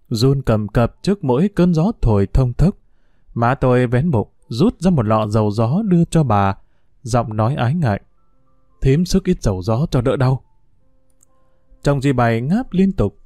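A man narrating a story in a steady, measured reading voice. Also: medium pitch, dry recording, faint music behind.

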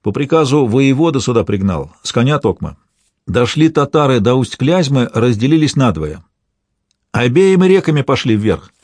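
A man's voice: mid-range voice, sing-song, moderate pace, a little mellow, dry recording, clean studio sound. A man voicing a snow-covered messenger giving a formal report. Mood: urgent.

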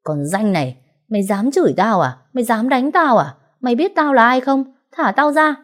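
A woman voicing a drunk, bullying man who shouts slurred abuse in speech, as an audiobook character. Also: mid-range voice, lively intonation, fairly quick, voice pushed up, close to an everyday voice. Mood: drunk, furious.

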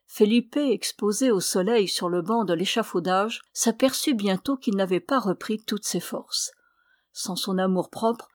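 A woman narrating a novel as an audiobook reader, in a steady, even storytelling read. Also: medium pitch, no room sound, clean studio sound. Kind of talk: scripted narration.

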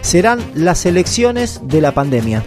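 A man's voice: a little high, big pitch swings, unhurried, darkish tone, faint music behind. Man narrating a radio news feature. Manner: reflective, rhetorical questions. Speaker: radio reporter.

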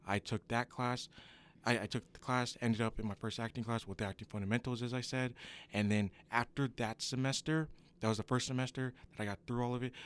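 Rambling young man, slightly low voice. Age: young adult. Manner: rambling, self-correcting. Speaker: acting student guest. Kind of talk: radio interview. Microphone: studio microphone.

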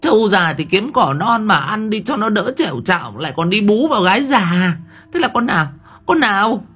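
A shrill furious wife. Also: male voice, big pitch swings, a bit bright, breathy edge, exaggerated voice. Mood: jealous shrieking. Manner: shrieking, scolding, rapid. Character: shrill furious middle-aged wife, sharp-tongued. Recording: faint background music.

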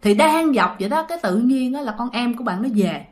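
Southern Vietnamese woman, ghost story narrator, chatty, high voice. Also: animated, fairly quick. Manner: chatty, addresses listeners directly. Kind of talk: casual storytelling.

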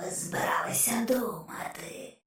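A woman's voice: unhurried, fairly bright tone, roomy sound, distant mic, lightly acted. A woman voicing a mocking male ghost trapped in a skull, in a whispered role-play full of sarcasm. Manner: sneering, sarcastic.

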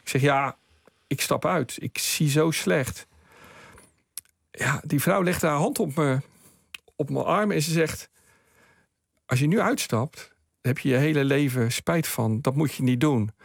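A man with a gravelly, slightly high voice, dry and close in a radio studio. He tells his tale with life, chuckling along and putting on the voices of the people he met. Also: measured pace, pauses often, no echo. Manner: lively, chuckling storyteller who acts out quoted voices. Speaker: guest telling his own story. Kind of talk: radio anecdote storytelling.

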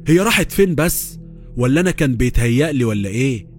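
A man with an Egyptian accent narrating a first-person horror story, brisk and tense. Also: mid-range voice, animated. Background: faint music.

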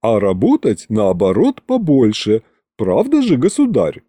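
A man's voice: huge pitch swings, a little slow, dark tone, no room sound. A man voicing a sly, flirtatious male palace butler who talks in a coy, mocking way. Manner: coy, mocking, higher-pitched.

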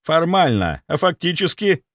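A man's voice: sing-song, a little slow, fairly bright tone, no room sound, clean studio sound. A man voicing a panicky middle-aged male clinic director who talks in an anxious, pleading rush. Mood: wary. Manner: anxious, pleading, high-strung.

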